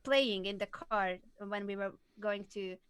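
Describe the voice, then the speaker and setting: A woman's voice: medium pitch, a little slow, smooth, no echo. Young woman chess coach, analytical, laughs a lot, dry close sound. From southern Hungary. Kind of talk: casual chess lesson on a livestream.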